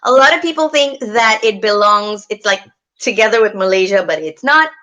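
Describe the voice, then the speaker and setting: A woman's voice: mid-range voice, normal speed, dull audio. Chatty woman from Singapore. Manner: chatty, animated storytelling. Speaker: co-host. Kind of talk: casual live-stream chat.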